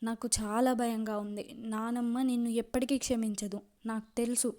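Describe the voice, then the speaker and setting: A woman's voice: a little high, fairly even intonation, moderate pace, dark tone, close to an everyday voice. A woman narrator voicing a young man who scolds his love in anger, his voice choked with hurt. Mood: scolding.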